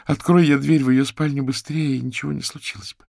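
A man voicing a tearful young woman who turns menacing, in a high put-on voice. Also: flat delivery, a little fast, gravelly, darkish tone, no echo, studio quality.

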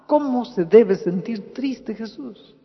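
A man preaching a sermon, dramatic, swinging from loud to soft. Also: very high-pitched, lively intonation, slow. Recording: dull lo-fi with long hall reverb.

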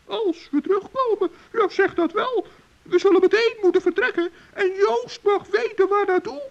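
For a children's radio play, a performer voices a small, good-hearted old male gnome in a squeaky, plaintive voice with vocal fry, speaking at normal speed. He sounds earnest, fretful, anxious and determined, captured on a muffled old recording.

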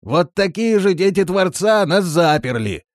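A man reading an audiobook, voicing a hoarse, shaggy, bearded village peasant. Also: medium pitch, lively intonation, normal speed, no echo, clean studio sound, lightly acted. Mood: wary. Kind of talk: audiobook character voice.

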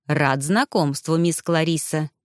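A woman voicing a suave, oily male mage who speaks in a syrupy, unhurried way, read for an audiobook. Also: low-pitched, no room sound, studio quality. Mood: smarmy.

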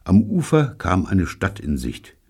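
A man narrates a children's audiobook in a very low, husky voice. His pitch rises and falls a lot, and his delivery stays dry and wry. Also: a little slow. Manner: dry, wry storytelling with lively voiced dialogue. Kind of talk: audiobook reading of a children's novel.

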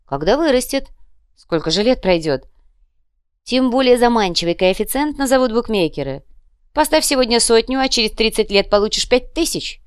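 A woman's voice: fairly high pitch, lively intonation, clean tone, no room sound, clean studio sound, pitched above the performer's own voice, natural voice. A woman putting on a touchy male club manager. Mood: boastful. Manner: indignant, quick to complain.

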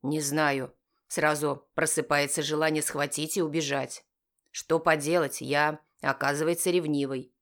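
A woman's voice: flat delivery, measured pace. A woman voicing a confident, protective young man who speaks dryly and firmly. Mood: teasing. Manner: dry, firm, low-voiced.

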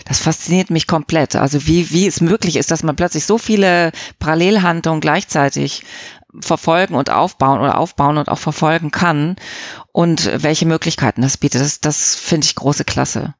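With a deep voice at normal speed and dull audio free of room sound, this middle-aged interviewee reflects casually on her work as an audio drama producer and editor. She thinks out loud in long, wandering explanations.

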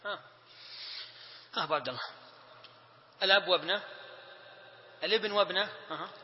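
A man's voice: high-pitched, brisk, a little hiss or hum. A man teaching a classroom lesson, drilling lists and prompting students with short questions. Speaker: teacher of Islamic inheritance law. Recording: reverberant room, dull lo-fi sound.

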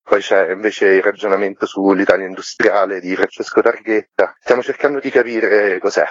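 A radio interview guest who curates a book series explains things in a casual, wry way, often at his own expense. He has a fairly low pitch and fairly even intonation at a normal speed with no echo, heard over a muffled, lo-fi remote connection.

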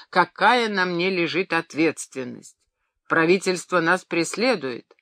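A pompous, excitable middle-aged pharmacist rants and scolds at full volume, as an audiobook reader puts him on. The voice is pushed higher than the reader's own, bright and tense. It is recorded close and dry, with no room sound. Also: no room sound. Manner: ranting, shouting in outrage. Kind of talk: audiobook character reading.

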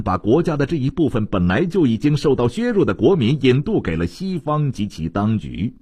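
A man reading a literary novel aloud as an audiobook narrator, in a measured, expressive storytelling manner. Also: medium pitch, breathy edge, no echo.

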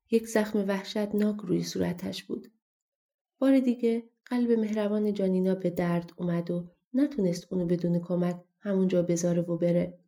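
Woman, audiobook narrator, storybook reading, steady, mellow, gravelly. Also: medium pitch.

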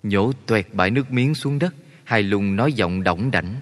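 A man narrating a story in a steady, measured way. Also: on the low side. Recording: long reverb.

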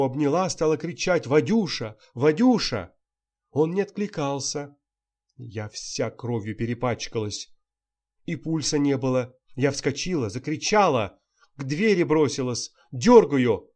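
A man's voice: mid-range voice, a little mellow, voice pushed up. A man voicing a frightened young actress who pleads breathlessly, near tears.

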